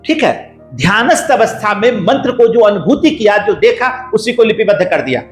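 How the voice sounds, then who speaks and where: Lively high-pitched man, patient lecturing guest, roomy echo, faint music bed. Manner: measured lecturing, building points in lists. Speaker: guest scholar. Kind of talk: explanatory podcast talk.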